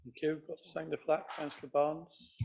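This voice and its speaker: A man serving as mayor, chairing a council meeting in a brisk, procedural way with a mildly wry touch. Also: a little high, flat delivery, creaky, a little mellow, husky.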